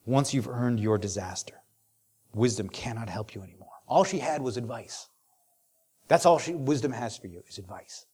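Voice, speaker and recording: A man preaching a sermon, rising to loud urgent passages and dropping to hushed, near-whispered quotations. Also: mid-range voice, animated, normal speed, breathy edge. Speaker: pastor.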